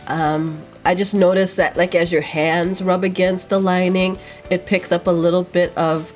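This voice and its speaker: A woman's voice: fairly low pitch, little pitch movement, normal speed, darkish tone, soft background music. A woman vlogger, stuffy and sniffling with a cold, rambling in casual chat as she answers viewer questions. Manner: rambling, chatty, with fillers.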